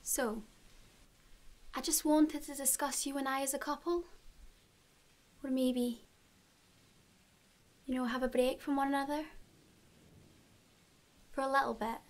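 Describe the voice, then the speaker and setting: A woman's voice: high voice, little pitch movement, unhurried, pauses often. An actress playing a young woman with a northern English accent who is awkwardly breaking up with her boyfriend. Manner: hesitant, repetitive.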